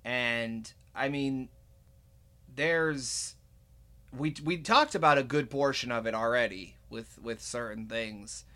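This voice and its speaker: A man's voice: mid-range voice, slow, sharp tone. A man hosting a podcast in casual chat, rambling with many fillers and restarts. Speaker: podcast host.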